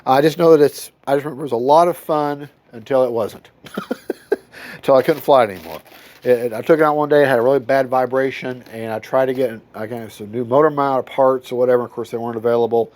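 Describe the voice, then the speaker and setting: A man with a cold, his voice nasal, mid-range and darkish, talks quickly with fairly even intonation. He's an RC hobbyist doing a casual unboxing of a model plane in his hobby room at home, rambling, correcting himself, and sounding folksy.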